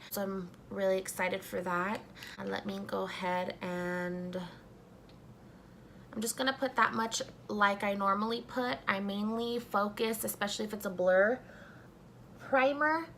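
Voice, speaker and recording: A young woman chats through a makeup review in a soft, slightly sleepy voice. Her pitch sits in a middle range for a woman. A faint hiss sits under the recording. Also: steady tone, measured pace. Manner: soft-spoken, just woken up. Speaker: beauty vlogger.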